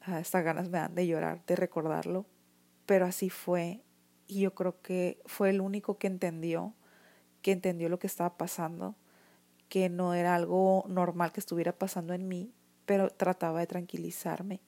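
Her voice is lowish and creaky yet mellow, with little pitch movement and a normal speed. A woman with a Mexican accent, she vlogs her own story to camera with emotional earnestness, frequent restarts, and many "o sea" fillers.

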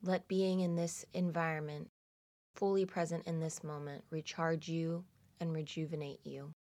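Low-voiced woman guiding a slow meditation. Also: little pitch movement. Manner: slow, soothing, hushed delivery with long pauses. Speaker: guided meditation narrator. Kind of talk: guided meditation, scripted narration.

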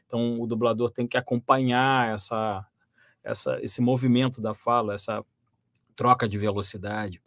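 A Brazilian man who works as a voice actor and dubbing director talks through his craft in a conversational interview. He explains in a lively way, full of restarts and fillers. His voice sits at an ordinary male pitch, recorded close and dry with little room sound. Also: moderate pace, no echo.

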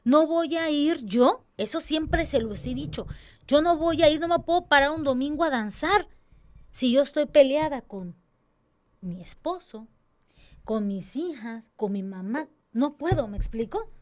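In a casual church talk interview, a young woman earnestly describes serving in her church's tambourine dance ministry. Her voice is high and bright, expressive and unhurried, and she slips into little voices when quoting others.

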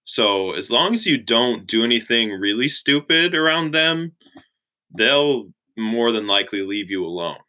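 A young man in his twenties chatting casually as an interview guest, relaxed and full of "like" fillers. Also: medium pitch, unhurried, rough recording. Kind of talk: casual chat.

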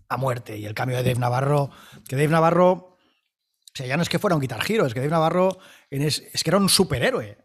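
A man, debating music in an emphatic, enthusiastic way, often repeating words. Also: medium pitch. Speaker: panelist.

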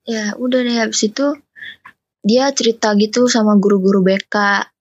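A woman's voice: mid-range voice, fairly even intonation, normal speed, husky, lo-fi sound. A young woman, a podcast guest telling a story casually and acting out what people said. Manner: chatty, recounts with quoted dialogue.

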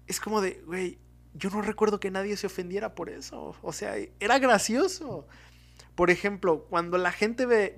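A man's voice: on the high side, fairly bright tone. A young man talking casually to his viewers in a chatty, digressive monologue that often interrupts itself. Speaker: video commentator.

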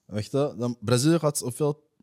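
A young man in a casual football chat, cutting in quickly and dropping French words. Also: medium pitch, darkish tone.

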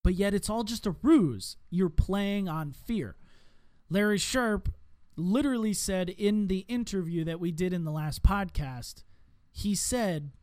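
A man's voice: high-pitched, measured pace, a little mellow, dry recording, studio quality. A man hosting a podcast, delivering a rambling political commentary monologue with sarcastic asides. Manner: rambling and sarcastic, with mocking voices for opponents. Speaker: podcast host.

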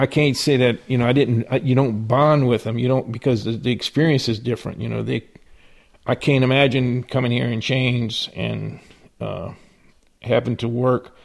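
Chuckling and frequently starting over, an older Cajun-accented man from southern Louisiana shares folksy personal stories as an interviewee. He speaks with a gravelly, medium-pitched voice.

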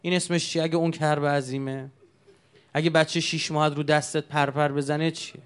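A man's voice: fairly high pitch, level tone, clear, resonant tone. A man preaching a sermon, telling stories with emotion and asking the congregation rhetorical questions.

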